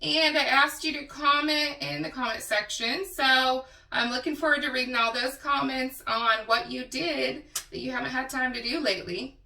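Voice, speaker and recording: A woman's voice: sits high, fairly even intonation, normal speed, gravelly, hardly any pauses, sharp tone, distant mic. A woman from the Texas Panhandle with a West Texas accent, chatting casually in her eating vlog, stretching out her words and saying y'all. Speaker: mukbang vlogger. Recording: echoey room, a bit off-mic.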